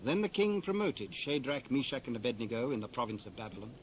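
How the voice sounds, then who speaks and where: A man with a British accent narrating scripture in a measured, solemn, formal and dramatic way. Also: medium pitch, very animated, muffled recording. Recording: faint hiss, old cassette transfer.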